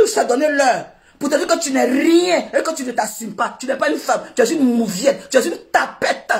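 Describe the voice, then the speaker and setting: A high-voiced woman hurls taunts on a livestream. She shouts, mocks and laughs through the whole rant. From Ivory Coast. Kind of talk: insult-laden livestream rant.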